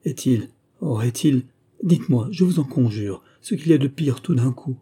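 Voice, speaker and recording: A man's voice: mid-range voice, lively intonation, moderate pace, dark tone, slightly rough. A man reading aloud voices a frightened young heroine, pleading and urgent. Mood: anguished.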